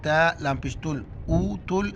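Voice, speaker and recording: A man teaching Quran recitation in Urdu-accented speech, spelling out letters and vowel marks, then reciting each word slowly and drawn out. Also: on the high side, a bit bright, a little hiss or hum.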